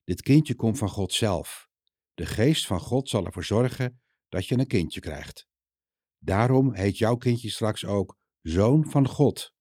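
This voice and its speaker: Calm, reassuring male angel from a storybook, slow and soft-toned, read by a man. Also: fairly low pitch, no room sound, studio quality. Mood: explaining.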